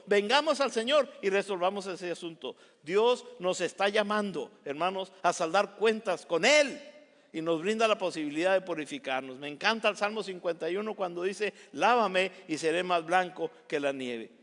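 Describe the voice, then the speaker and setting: A man's voice: high voice, fairly bright tone. A male pastor, preaching an impassioned sermon with repeated, building phrases and folksy asides to the congregation. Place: church sanctuary. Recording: long church hall reverb.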